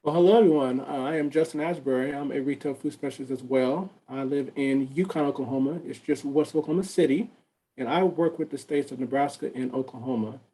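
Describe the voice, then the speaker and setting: Relaxed man with a mellow voice. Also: medium pitch, fairly quick, husky, low-quality recording. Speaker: co-presenter. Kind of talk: online workshop introduction.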